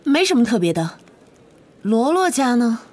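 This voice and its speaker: A man reading an audiobook voices a brisk, clever teenage witch girl in a high, quick and clipped voice. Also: very animated, darkish tone, heavily acted. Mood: curt. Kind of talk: audiobook character voice.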